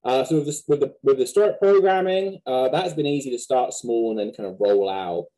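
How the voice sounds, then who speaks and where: A man in his thirties with a West Country Wiltshire accent softened by American, answering questions conversationally in an interview. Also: mid-range voice, brisk, low-quality recording. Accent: West Country Wiltshire English, softened by American. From Wiltshire, England. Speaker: museum director, interview guest. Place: small plain office, video call.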